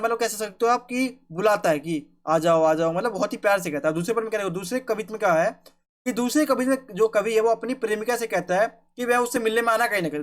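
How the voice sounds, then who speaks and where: Repetitive male teacher. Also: high-pitched. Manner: repetitive, checks in with "ठीक है"; recites verse slowly and loudly. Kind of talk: Hindi literature lesson for school students.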